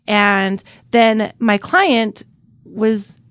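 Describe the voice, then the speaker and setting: A woman's voice: mid-range voice, very slow, fairly bright tone, clean tone, no echo. A woman doula and podcast co-host, earnestly retelling a difficult birth in casual conversation. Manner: earnest, retelling a hard birth with acted quotes. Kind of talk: casual storytelling.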